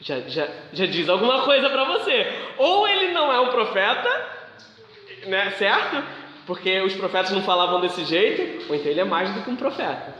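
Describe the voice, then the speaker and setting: A man's voice: sits high, very animated, normal speed, pushed and bright. A man teaching a live church class, explaining his points with rhetorical questions that he answers himself. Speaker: bible teacher. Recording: very echoey hall with long reverb, dull sound, faint hiss.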